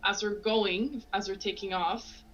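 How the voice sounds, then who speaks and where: A woman's voice: medium pitch, fairly even intonation, a little slow, fairly bright tone, dull audio. A woman player in a tabletop game, eagerly asking the game master questions. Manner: eager, asks many questions. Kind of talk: casual tabletop game play.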